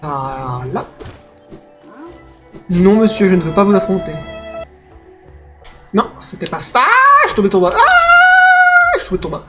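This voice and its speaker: A man giving let's play commentary, excitable, yelping and talking back to the game as he plays. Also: high voice, normal speed, long pauses, over music. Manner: excitable, yelps and talks to the game. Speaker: gaming streamer.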